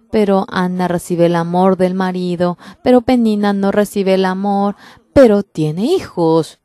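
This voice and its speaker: A woman's voice: fairly low pitch, mellow, no room sound. A woman delivering a church sermon in a fervent, emphatic preaching manner. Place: church service.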